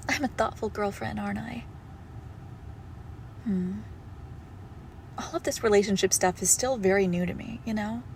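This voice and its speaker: A woman's natural, mid-range voice with vocal fry carries this intimate horror roleplay at a normal pace, broken by long pauses. She plays a possessive shadow monster disguised as a doting girlfriend, sounding eerie, tender and menacing, often drifting into a whisper. A slight hiss or hum runs underneath.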